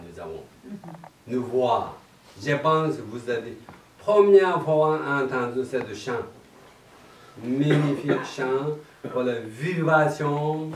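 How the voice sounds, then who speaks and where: Tibetan-accented guy talking slow and halting, lots of chuckles, roomy far-off hall sound with a bit of hiss. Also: fairly high pitch. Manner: broken French, slow, laughing often. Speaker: monk introducing a chant evening. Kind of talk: halting explanatory talk to an audience. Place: meditation centre hall, indoors. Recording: roomy distant hall mic with faint noise.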